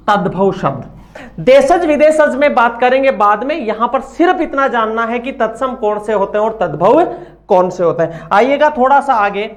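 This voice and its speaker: High-voiced male teacher. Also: fairly bright tone. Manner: asks questions and answers them himself; has students repeat words after him. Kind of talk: Hindi grammar lesson with slides.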